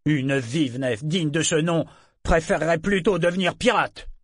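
A man's voice: fairly high pitch, measured pace, no room sound, studio quality, pitched above the performer's own voice. A man voicing a stingy, scornful old merchant who blusters his refusal.

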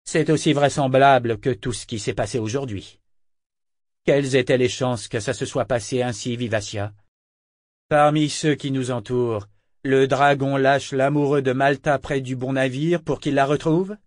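A man's voice: medium pitch, moderate pace, no room sound, pitched above the performer's own voice, close to an everyday voice. A stern pirate captain with a curt, dry way of speaking, as a male narrator plays him. The voice is close and dry, with no room around it.

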